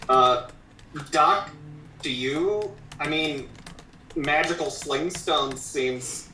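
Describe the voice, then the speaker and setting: A man chatting casually as a player in a tabletop game, haltingly thinking aloud. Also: on the high side, bright, forceful tone, soft background music. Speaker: tabletop role-playing player. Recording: roomy, distant mic, faint noise.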